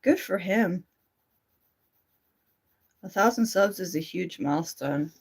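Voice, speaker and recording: Taking her time, a woman with a fairly low, darkish, husky voice reacts expressively to livestream comments. She has an Australian accent mixed with American, and her chat is relaxed and self-mocking. She's a streamer who also does amateur voice work.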